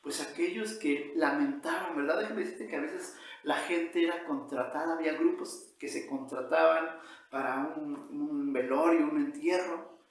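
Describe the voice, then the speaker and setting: A pastor preaching a sermon with emphatic, drawn-out phrasing and frequent tag questions. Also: male voice, a little high. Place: church. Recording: echoey church hall.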